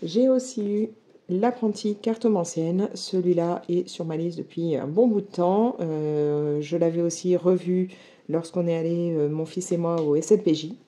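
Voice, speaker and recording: A woman's voice: lowish voice, unhurried, warm tone. A woman in her thirties, a book vlogger chatting casually and eagerly through her latest books, with many fillers. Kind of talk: casual book haul chat.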